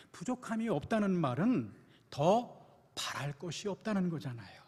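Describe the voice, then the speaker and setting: Male pastor preaching, high-pitched, questioning the congregation, in a reverberant church. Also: breathy edge. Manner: asks the congregation frequent rhetorical questions. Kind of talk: sermon. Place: church sanctuary. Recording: long church hall reverb.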